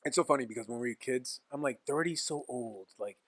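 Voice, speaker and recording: A man co-hosting a podcast in casual chat, playful and teasing and quick to laugh. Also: mid-range voice, a bit bright, no room sound. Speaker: podcast co-host.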